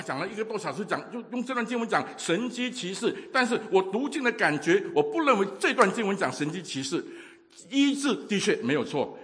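Guy preaching a sermon, high voice that jumps all over, stumbles on words a lot, echoey church hall. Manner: animated storytelling, acting out voices, many hesitations.

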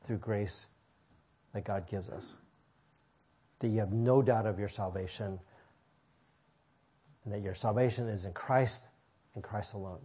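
In a church sermon, a male pastor addresses his congregation in a husky, medium-pitched voice with a darkish tone. His delivery is pleading and emphatic, driving each point with repetition.

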